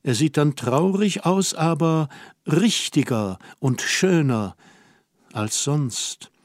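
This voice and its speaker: A lively, dreamy young woman from an audiobook, musing and coaxing in a soft, gentle way, read by a man who keeps close to his own voice. the voice sits fairly high and sounds dry and close, with no room around it. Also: slow, dry recording. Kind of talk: audiobook reading.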